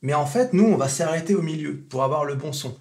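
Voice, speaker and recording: A man speaking French, teaching English pronunciation in a casual video lesson, chatty and self-mocking, stretching out example words slowly. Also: on the high side, animated, darkish tone.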